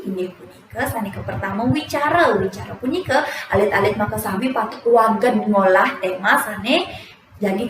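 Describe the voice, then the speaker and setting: A young woman teacher giving a formal lesson on speechmaking, speaking in a measured way with frequent filler pauses. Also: medium pitch. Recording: echoey room, voice from some distance, faint noise.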